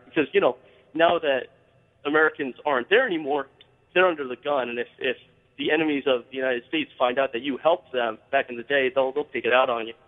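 A man calling in to a radio show over the phone, talking earnestly with many fillers and restarts. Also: fairly high pitch. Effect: call-in phone line on air. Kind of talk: call-in radio chat. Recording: tinny phone line with long reverb.

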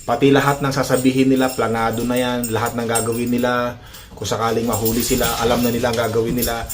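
A man's voice: medium pitch, quick pace, over music. Chatty man recording a phone vlog. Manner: animated, chuckling, tag questions. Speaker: vlogger. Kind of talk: casual storytelling to viewers.

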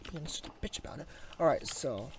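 Raspy, sick gamer muttering through play. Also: mid-range voice, lively intonation, normal speed, heavy background noise. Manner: mutters and grumbles to self, chatty asides. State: sick with a sore throat, coughing. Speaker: gaming YouTuber. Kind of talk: casual gameplay commentary.

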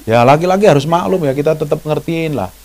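A man preaching a sermon. His delivery is animated and conversational, full of questions to the congregation. He often jumps into high, mocking voices when he quotes people. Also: fast talker. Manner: chatty, asks the congregation questions. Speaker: pastor.

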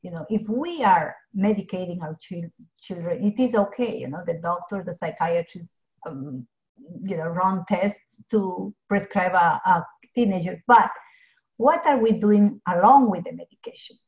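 A middle-aged woman from Ecuador speaks. Her voice sits a little low. She talks earnestly, with fillers and restarts, through dull, lo-fi video call audio from a home office. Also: moderate pace, a little mellow. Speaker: pharmacist guest.

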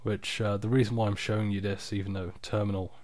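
A tired man giving a casual, unscripted screen-recording tutorial, explaining software steps in an informal, off-the-cuff way. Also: fairly low pitch, level tone, fast, no room sound. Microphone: external microphone, close and dry.

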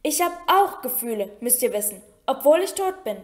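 A woman's voice: high-pitched, sing-song, moderate pace, darkish tone. A woman reading an audiobook, voicing a moody, weepy ghost girl who complains tearfully. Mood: whiny.

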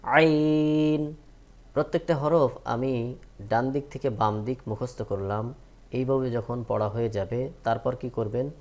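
A man teaching Quran reading, drilling letter names slowly between plain advice to learners. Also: mid-range voice, darkish tone. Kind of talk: slow recitation lesson.

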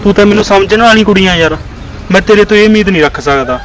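A man's voice: high-pitched, fast talker, recorded from a distance, a loud crowd, heavy background noise, lightly acted. An actor playing a young man with a Punjabi accent, pleading with his girlfriend outdoors by a street in a short film. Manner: pleading, coaxing, repeats "yaar". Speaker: boyfriend.

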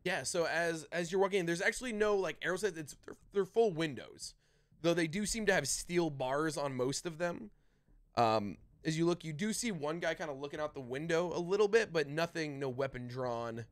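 A man's voice: fairly high pitch, animated, moderate pace, no room sound. A man narrating a tabletop fantasy game as the game master, in loose, rambling narration full of restarts. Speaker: dungeon master.

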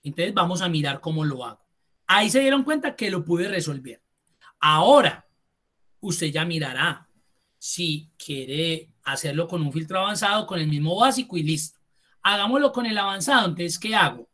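A man's voice: fairly high pitch, animated, moderate pace, bright, forceful tone. A man who teaches a live class, talking students through each step with patience. He thinks aloud, restarts some phrases and stretches some words as he works. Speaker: Excel instructor. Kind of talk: live online class walkthrough.

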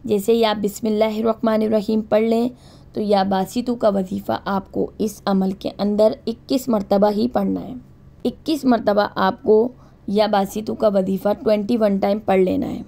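A woman talks through a devotional practice in a calm, repetitive way and slows right down for each recited phrase. Her voice is dark and mellow with a gravelly edge. Her pitch stays flat and level throughout. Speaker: religious instructor. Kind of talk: spoken instruction with slow recitation.

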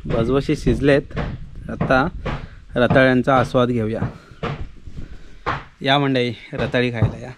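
A village vlogger in his thirties from the Konkan coast of Maharashtra, India, chats in a relaxed way to viewers with a Konkani Marathi accent, holding a handheld camera at arm's length in a rural village yard. His medium-pitched voice is unhurried with frequent pauses, and the background is noisy.

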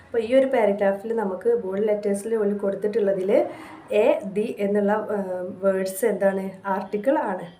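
A woman tutor with a Malayali accent explaining a course lesson in a conversational way, pausing often to search for words. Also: mid-range voice, little pitch movement, dark tone, reverberant, rough recording. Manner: conversational, with frequent fillers and pauses to find words.

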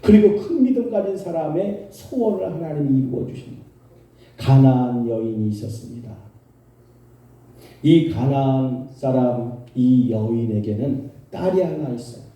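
A male pastor preaching a sermon, telling a story with emphatic repetition and animated delivery. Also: mid-range voice, measured pace. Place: church sanctuary. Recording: echoey hall from far off.

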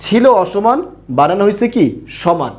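Give me a young male teacher with a high voice, drilling students with questions he answers himself. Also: expressive, moderate pace, a little mellow. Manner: repetitive, drilling. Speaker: grammar teacher. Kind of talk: online grammar lesson.

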